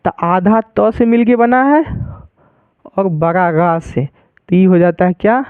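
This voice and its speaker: A man teaching Hindi grammar who explains slowly and keeps repeating each example as a question to his students. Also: sits high, smooth, no room sound. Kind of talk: grammar lesson. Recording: tinny phone-like sound.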